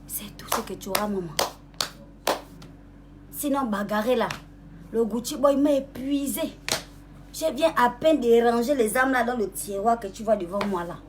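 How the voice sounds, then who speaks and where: A young woman with a high, bright-toned voice speaks straight to a rival in a casual live-stream rant. She sweet-talks and mocks in the same breath, drawling some words slowly and leaping higher in pitch when irritation takes over. Faint background noise sits behind her. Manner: mocking and sweet-talking, calls the listener "baby", asks "hmm?". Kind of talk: casual taunting monologue.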